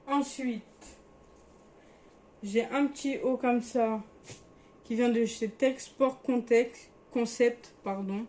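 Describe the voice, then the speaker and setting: A woman's voice: on the high side, slow, pauses often, darkish tone, a little hiss or hum. Chatty young woman showing her clothes. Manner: chatty, hesitant, searching for words. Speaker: vlogger. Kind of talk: casual clothing haul.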